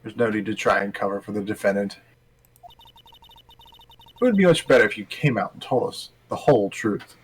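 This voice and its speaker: A man's voice: fairly low pitch, lively intonation, moderate pace, pauses often, husky, pitched below the performer's own voice. A man voicing a stern video game lawyer who presses a witness in a pointed, dramatic manner. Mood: stern, pressing. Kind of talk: amateur video game dub. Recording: music behind the voice.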